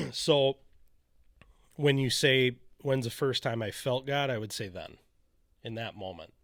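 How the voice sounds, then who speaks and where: A man's voice: medium pitch, measured pace, a bit bright, dry recording, studio quality. A man on a podcast telling his personal faith story in a candid, rambling way, with many "you know" asides. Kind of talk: casual storytelling conversation.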